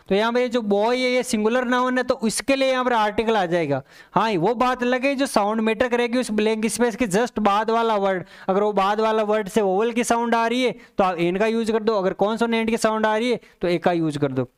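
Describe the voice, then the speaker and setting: This exam-prep English teacher has an extremely high-pitched voice with a clear, resonant tone. He works through the answers step by step, repeats key points to his students, and reads example sentences in English slowly and with care.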